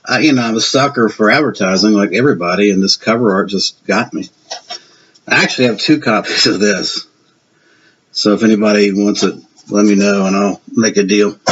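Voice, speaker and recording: Husky and lowish, this Southern-accented voice belongs to a Virginian in his fifties or sixties who casually rambles through a show-and-tell of his film collection, chatty and quick to poke fun at himself. Faint hiss runs under a dull, lo-fi recording.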